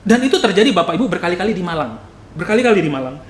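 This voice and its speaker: A young man from North Sumatra with a Batak-tinged Indonesian accent, preaching a casual, animated sermon and acting out little scenes with voices. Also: sits high, very fast. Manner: animated storytelling, acts out voices, loud at times. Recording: echoey hall, faint noise.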